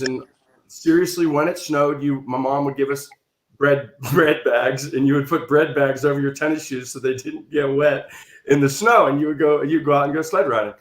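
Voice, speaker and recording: A man telling a funny childhood story in a casual chat, animated and building to loud punchlines. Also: fairly high pitch, reverberant, slight background noise. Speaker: improv comedian telling a story. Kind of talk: casual storytelling on a video call.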